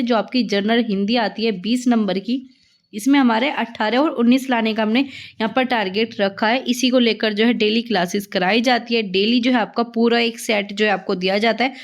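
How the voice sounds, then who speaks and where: A woman's voice: a little high, dull audio. A woman teaching an exam-prep grammar lesson, asking and answering her own questions and often saying "ठीक है".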